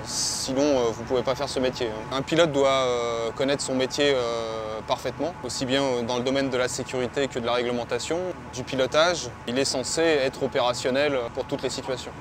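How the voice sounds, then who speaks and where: A man's voice: medium pitch, steady tone, brisk, background noise. A man of forty, a boat pilot trainer, speaking earnestly and with emphasis in a workplace interview. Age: 40s. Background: background music.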